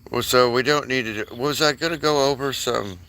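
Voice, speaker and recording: A man's voice: mid-range voice, fairly quick, pushed and bright, a little hiss or hum. A man live streaming from his phone outdoors at night, chatting to viewers in a rambling way and laughing often.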